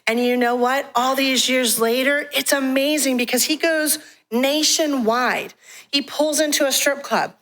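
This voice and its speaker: A woman from a ministry giving a frank, animated testimony talk in a church, telling her story with laughs. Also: high-pitched, unhurried. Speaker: guest speaker from a ministry. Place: church sanctuary.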